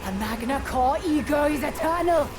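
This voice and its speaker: An actress playing an arrogant evil villainess in a video game, speaking in a grandiose, declamatory way. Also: female voice, high-pitched, moderate pace, very noisy, natural voice. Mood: haughty menace. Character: arrogant evil female villain bent on endless night.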